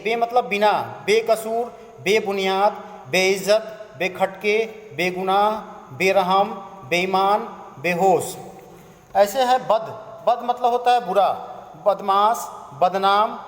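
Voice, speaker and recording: A man teaching a school grammar lesson, listing words one at a time with short explanations and a habit of tacking a filler phrase onto his sentences. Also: high voice. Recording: echoey room with long reverb.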